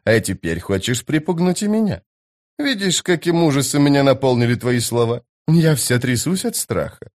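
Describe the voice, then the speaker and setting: A man's voice: on the high side, very animated, measured pace, hardly any pauses, pitched above the performer's own voice. A man voicing an eerie old woman fortune-teller who speaks in a sly, teasing, grating way. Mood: sly mocking.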